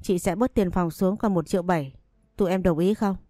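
A woman's voice: lowish voice, a little fast, dry recording, clean studio sound, natural voice. A woman voicing a harsh, scolding landlady in a spoken story. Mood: curt. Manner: scolding, sharp.

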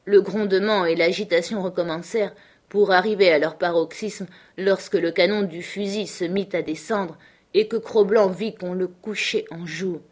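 A woman narrating a classic novel as an audiobook, in a steady, measured storytelling manner. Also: on the low side. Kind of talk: literary narration.

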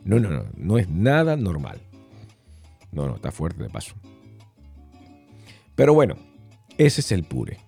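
A man's voice: low-pitched, wildly swooping pitch, measured pace, gravelly, pauses often, dark tone, breathy edge, faint music behind. A middle-aged Venezuelan man hosting a casual podcast, playful and rambling, acting out bits of street slang. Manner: playful, jumps between topics, acts out quoted slang voices. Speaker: podcast host.

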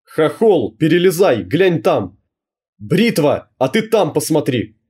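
A man's voice: on the high side, sing-song, slow pace, darkish tone, slightly rough, pitched above the performer's own voice, full character voice. A man voicing a menacing teenage gang leader who barks orders, in an audiobook. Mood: commanding. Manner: barking orders.

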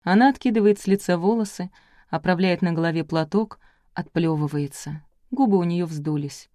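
A woman narrating a literary audiobook in an expressive, measured storytelling manner. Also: lowish voice, no room sound, studio quality. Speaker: audiobook reader.

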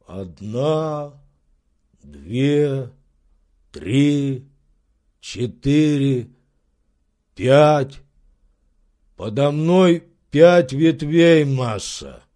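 A man reading an audiobook, voicing a sly old male servant who drawls loudly from far up. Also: medium pitch, animated. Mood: calling out. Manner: slow drawl, calls out from afar.

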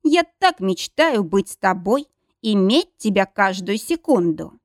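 A woman's voice: mid-range voice, sing-song, a little slow, no room sound, clean studio sound. A woman voicing a jealous, grumpy man of seventy-five who grumbles and sulks. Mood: sulky. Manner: grumbling, sulky. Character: jealous grumpy 75-year-old man lover.

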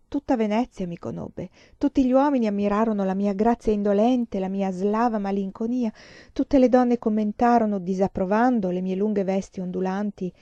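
A woman reading a novel aloud with dramatic expression, slowing down and dropping to near whispers at tense moments. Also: medium pitch, mellow, dry recording, highs cut off. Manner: dramatic, slows and drops to near whispers for tension. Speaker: reader of a novel.

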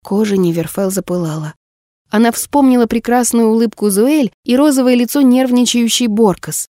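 A woman narrating a story in a measured, expressive audiobook reading. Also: on the high side, dry recording, studio quality.

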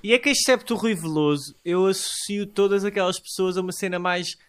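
Young guy, kinda high voice, super slangy, lots of filler, keen, just chatting with friends. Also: fairly quick, clean tone. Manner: slangy, filler-heavy, enthusiastic. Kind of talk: casual chat among friends.

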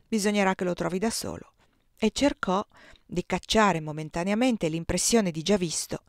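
A woman narrates a novel in a measured, expressive reading. Her voice sits at a middle pitch, and the recording is dry and close, with no room sound. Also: no echo. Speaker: audiobook reader. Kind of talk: scripted narration.

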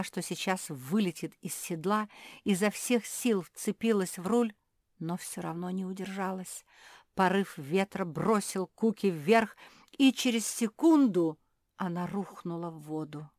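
A woman narrates a children's tale with expressive, lively reading. Her voice sits fairly low for a woman. The recording is dry and close, with no room sound. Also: no echo. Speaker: audiobook narrator.

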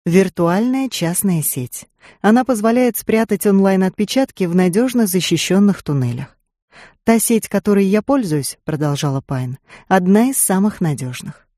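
A reader voicing a tough, battered female agent who speaks tersely and gruffly. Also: medium pitch, lively intonation, moderate pace, warm tone, no room sound, clean studio sound, close to an everyday voice.

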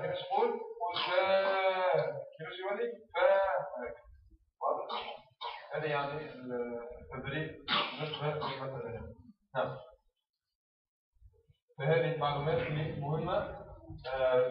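Man explaining in an echoey room. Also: a little high. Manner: explains step by step, acts out teacher and pupil exchanges. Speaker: teacher trainer. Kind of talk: instructional talk on teaching reading. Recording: echoey, distant, slightly dull room recording.

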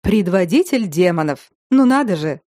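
An elderly nobleman full of quiet irony, put on by a woman narrator speaks calmly and teases gently. His delivery is dry and unhurried. The tone is low and mellow, and it is recorded close in a storybook reading. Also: no room sound. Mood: wry. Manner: dry, ironic. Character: ironic elderly nobleman, calm and teasing.

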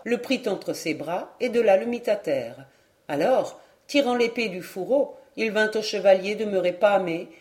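A woman's voice: medium pitch, darkish tone. Woman reading a medieval romance aloud. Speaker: audiobook reader. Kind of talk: literary audiobook narration.

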